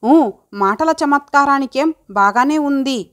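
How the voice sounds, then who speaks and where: A woman's voice: sits high, moderate pace, close to an everyday voice. Woman reading a pouting young sweetheart. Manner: pouting, earnest. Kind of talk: audiobook character reading.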